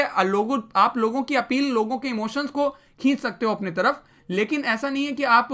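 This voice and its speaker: A woman's voice: a little high, fairly bright tone. A young woman teaching English vocabulary in a lesson, explaining each word and putting questions back to her students.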